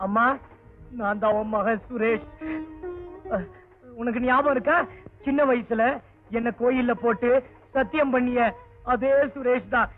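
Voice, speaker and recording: A young actor playing a hot-tempered son in a classic film melodrama. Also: male voice, very high-pitched, heavily acted. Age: young adult. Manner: curt and angry, then overjoyed. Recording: dull old film soundtrack, faint music.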